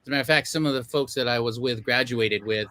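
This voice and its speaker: Bright-voiced man on a video call. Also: medium pitch, fast, no echo. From Los Angeles, United States. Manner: rambling, many fillers, self-deprecating laughs. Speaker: film director, guest. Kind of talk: casual interview talk.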